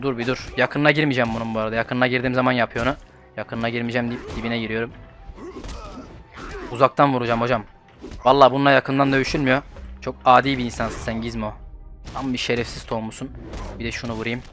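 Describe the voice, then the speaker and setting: A young man giving casual gameplay commentary as a channel host, excitable and swearing, swinging from low muttering to shouts. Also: fast, pauses often, soft background music.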